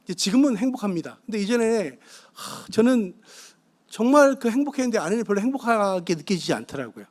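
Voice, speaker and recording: Man, pastor, sermon, high voice, animated delivery, asks the congregation questions. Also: a little fast. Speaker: guest pastor. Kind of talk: sermon on marriage. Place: church sanctuary.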